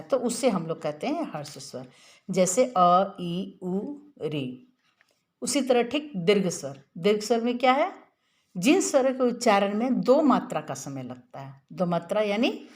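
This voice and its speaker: Woman teacher, patient explainer, mid-pitched voice, steady classroom delivery. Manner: patient, drawn-out demonstration of vowel sounds. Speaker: Hindi grammar teacher. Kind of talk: classroom lesson explaining grammar.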